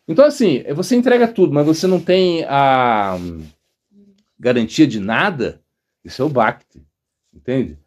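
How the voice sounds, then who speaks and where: Here a monk speaks informally on spiritual matters, wandering from story to story, mimicking those he quotes and frequently breaking into laughter. He has a mid-range, darkish voice, delivered in an animated way at normal speed.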